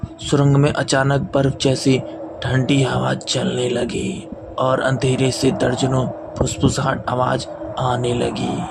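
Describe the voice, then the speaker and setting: Slow gravelly male horror narrator. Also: medium pitch, very noisy. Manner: slow, steady suspenseful storytelling. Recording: music underneath.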